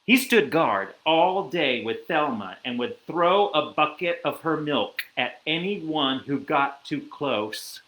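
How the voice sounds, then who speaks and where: A man reading a children's picture book aloud, with animated storytelling and asides to a listener. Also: on the high side, takes it slowly, few pauses, reverberant, low-quality recording.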